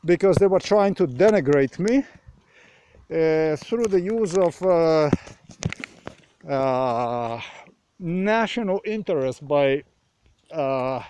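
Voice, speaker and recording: A man from Slovenia speaking English, rambling through a halting monologue full of pauses and restarts while outdoors on a dark road at night, recorded on a handheld phone. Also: on the high side. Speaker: vlogger.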